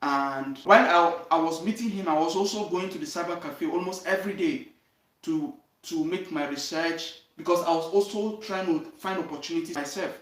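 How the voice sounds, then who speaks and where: A man's voice: a little high, moderate pace, fairly bright tone. Earnest Nigerian man in an echoey room. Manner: earnest, repeats "you understand?" and "okay?". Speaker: channel host. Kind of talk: direct-to-camera life story talk. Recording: roomy echo, voice from a distance.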